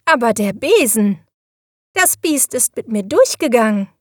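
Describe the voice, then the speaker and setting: A woman's voice: fairly high pitch, sing-song, a little slow, dry recording, studio quality. A woman voicing a plucky, clever young witch in a storybook reading, speaking boldly and coaxingly. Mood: defensive.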